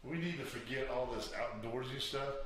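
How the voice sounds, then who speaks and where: A man's voice: medium pitch, moderate pace, fairly bright tone. A man hosting a show, chatting casually and rambling through a story with a joking, easygoing manner. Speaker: show host. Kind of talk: casual chat. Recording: echoey room with faint noise.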